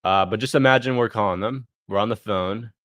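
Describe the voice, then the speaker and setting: Low-voiced man talking through a demo. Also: a little fast, dry recording, studio quality. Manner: relaxed, thinks aloud while clicking, punctuates steps with "boom". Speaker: guest walking through a software demo. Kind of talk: casual live screen-share tutorial.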